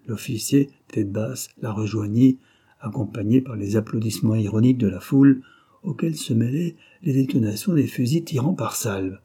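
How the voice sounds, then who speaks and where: A man reading a novel aloud as an audiobook narrator, in a steady, measured way. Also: medium pitch, slightly rough.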